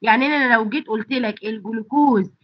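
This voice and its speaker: Fast-talking congested Egyptian woman lecturer. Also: on the high side, no echo, muffled recording. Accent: Egyptian Arabic. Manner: asks students rhetorical questions and answers them. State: congested, blocked nose and throat. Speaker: pharmacy college lecturer. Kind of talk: online lecture. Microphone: computer mic on a video call.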